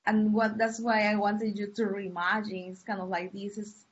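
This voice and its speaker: A woman from Peru, a university lecturer, giving an online class in a friendly, unhurried way with fillers and pauses. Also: medium pitch, little pitch movement, slightly rough. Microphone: computer mic on a video call. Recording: muffled lo-fi call audio.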